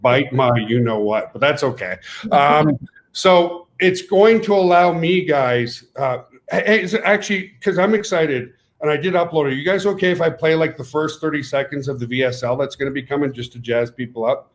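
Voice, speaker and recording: A middle-aged man with a French Canadian accent, hosting a webinar in an excited, animated way with laughing asides. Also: on the high side, normal speed. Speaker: webinar host and company owner.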